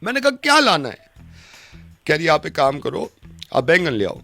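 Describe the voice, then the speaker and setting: Brief: male radio prankster, aggrieved complaining caller, very bright tone, over light music. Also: fairly high pitch, huge pitch swings, normal speed. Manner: aggrieved complaining that turns into heated arguing. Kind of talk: prank phone call.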